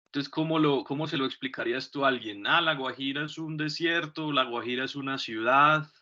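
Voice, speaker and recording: A man's voice: medium pitch, a little fast, bright, forceful tone. A man with a Colombian Spanish accent teaching an English lesson, patiently explaining step by step and often checking in with his class. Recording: dull, lo-fi recording.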